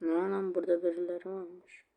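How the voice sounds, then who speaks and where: A male gaming creator giving casual commentary over his match, chatty and quick to get annoyed when the game freezes. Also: high-pitched, completely flat delivery, vocal fry, phone-quality sound. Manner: chatty, easily annoyed, swears at lag; repeats a sing-song catchphrase.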